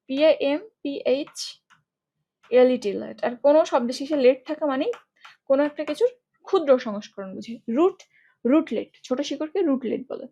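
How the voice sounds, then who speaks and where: A woman's voice: sits high, darkish tone. A young woman teaching an English spelling class in a chatty, playful way, quizzing students and using mnemonics.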